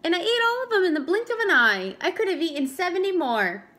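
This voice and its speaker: A woman voicing a boastful young male turtle in a storybook, in an eager, high voice. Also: animated, moderate pace, sharp tone, full character voice.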